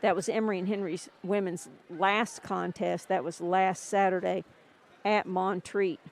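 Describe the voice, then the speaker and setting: A woman's voice: medium pitch, little pitch movement, a little slow, gravelly. A woman radio sports announcer filling air time during a game delay, chatting and rattling off scores and player stats.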